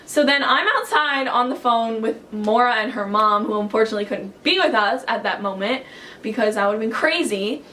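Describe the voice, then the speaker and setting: A woman vlogger telling a story to camera at home in an excitable, chatty way, full of "like". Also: fairly high pitch, moderate pace. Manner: excitable and chatty, heavy use of "like".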